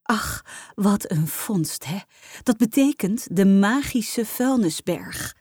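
A woman's voice: medium pitch, animated, slow pace, a little mellow, husky, dry recording, clean studio sound. A woman voicing a theatrical, starstruck mother who draws out her words in swooning emphasis. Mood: gushing. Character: gushing middle-aged mother, starstruck and theatrical.

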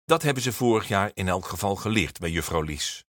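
A man voicing a patient but firm male schoolteacher in a storybook reading, a teacher who calls out loudly to his class. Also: low voice, expressive, brisk, no echo, studio quality. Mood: calm.

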